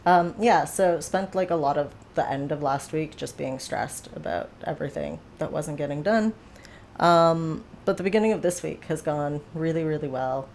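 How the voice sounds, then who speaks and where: A woman's voice: low-pitched, normal speed, darkish tone, a little hiss or hum. A woman hosting a livestream from home, chatting casually with viewers in a rambling way full of fillers and asides. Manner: rambling, filler-heavy, self-aware. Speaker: livestream host. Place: home, seated.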